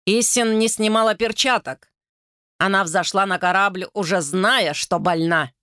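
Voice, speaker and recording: A woman's voice: medium pitch, a little slow, bright, forceful tone, dry recording, clean studio sound. A woman voicing a stern king in a storybook, giving curt, barked orders. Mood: stern command. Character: stern commanding middle-aged king.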